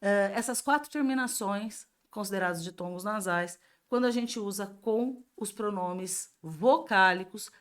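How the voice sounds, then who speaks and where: A woman teacher with a Brazilian Portuguese accent giving a grammar review lesson, explaining step by step and asking herself questions before answering them. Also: mid-range voice. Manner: slow and explanatory, asks and answers her own questions.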